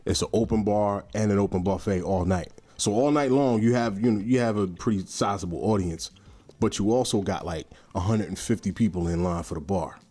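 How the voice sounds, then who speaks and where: A man's voice: fairly low pitch, brisk, mellow. A man hosting a podcast, laid-back and conversational, keeping the talk moving with short responses. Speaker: podcast host. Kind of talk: casual podcast chat.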